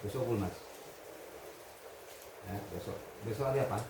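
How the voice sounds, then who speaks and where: A man leading a religious lesson for students, reading Arabic text, explaining it and quizzing his class in a lively way. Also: on the low side, moderate pace. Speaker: pesantren leader teaching students. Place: hall at a pesantren. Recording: echoey room with background noise.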